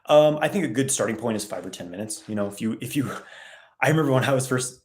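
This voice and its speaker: A man hosting a casual live Q&A, reading viewer questions aloud and answering in a relaxed, rambling way. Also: medium pitch, fast. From West.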